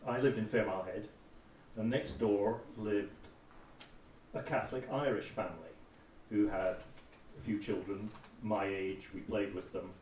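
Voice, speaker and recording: A man's voice: on the low side, fairly even intonation, unhurried, long pauses, a little mellow, recorded from a distance, slight background noise. Wry Scottish man, roomy hall. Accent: Scottish, Edinburgh. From Scotland. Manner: anecdotal, wry storytelling. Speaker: panelist historian. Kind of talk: roundtable discussion.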